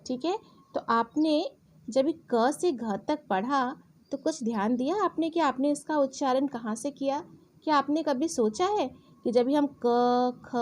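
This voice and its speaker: Slow, careful woman teaching sounds. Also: high voice, a little mellow. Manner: slow, deliberate, spelling out each sound. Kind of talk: children's alphabet lesson.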